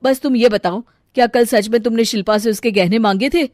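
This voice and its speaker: A woman doing a calm young husband. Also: a little high, brisk, dry recording, clean studio sound, lightly acted.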